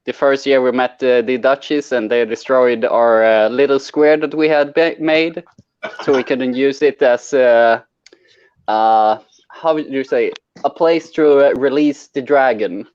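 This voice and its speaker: A man's voice: mid-range voice, steady tone, a little slow, darkish tone, clear, resonant tone. A man from Sweden, a guest telling stories in a laid-back way with lots of "uh". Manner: laid-back storytelling with many fillers. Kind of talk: casual chat. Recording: dry, dull lo-fi sound.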